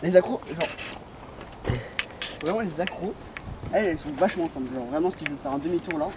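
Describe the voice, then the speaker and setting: A man's voice: on the high side, expressive, a little fast, noisy background. A man casually presenting a parkour vlog outdoors, thinking aloud in fragments. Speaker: parkour video creator and presenter. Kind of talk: casual vlog commentary while doing stunts. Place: outdoors in sunshine. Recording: loud music over the voice.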